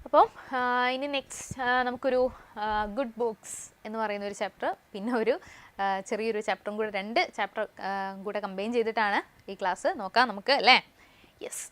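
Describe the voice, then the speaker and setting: A woman English teacher with a Malayali accent, explaining vocabulary and tenses in a live online class, reading English phrases slowly and with stress. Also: a little high, fairly bright tone.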